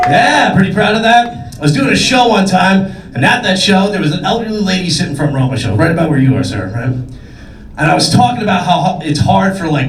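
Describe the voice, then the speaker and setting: A man's voice: sits high, recorded from a distance, a little hiss or hum. A man performing a stand-up comedy set in a comedy club, brash and profane with self-mocking punchlines. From New York State. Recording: roomy club recording, faint crowd.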